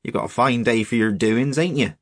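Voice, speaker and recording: A man's voice: medium pitch, a little fast, no room sound, clean studio sound, pitched above the performer's own voice, natural voice. Man voicing a grave old rustic English shepherd. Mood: genial. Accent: rural English. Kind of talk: storybook character voice.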